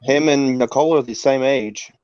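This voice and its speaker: A young man in his twenties chats casually as a podcast host and slips into animated storytelling. His voice sits at a middle pitch. The recording is dry and a little dull. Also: moderate pace, dry recording. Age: 20s. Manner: storytelling, laughs through anecdotes. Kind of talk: casual chat.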